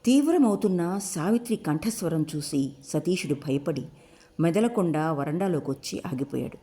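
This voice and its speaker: A woman narrating a novel as an audiobook in steady, measured storytelling. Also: sits low. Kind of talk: scripted narration.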